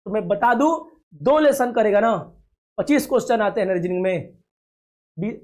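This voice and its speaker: A male coaching teacher with a fairly high voice walks students through exam questions. He coaxes them along, calls them his dear children and keeps checking that everything is clear. He sounds sure of himself and makes promises with full confidence. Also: animated, moderate pace, darkish tone. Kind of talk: classroom-style reasoning lesson for video.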